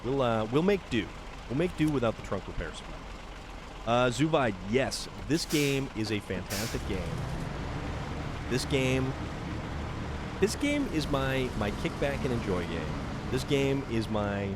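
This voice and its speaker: Over background noise, a Massachusetts man streaming a driving game talks to his audience in a mid-range, sing-song voice at a somewhat slow pace. He rambles casually with fillers and thanks viewers by name, New England style.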